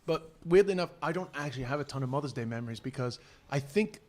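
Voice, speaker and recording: A man in his forties, a comedian hosting a podcast, telling stories in quick, chatty casual talk. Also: mid-range voice, animated, a little mellow. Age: 40s.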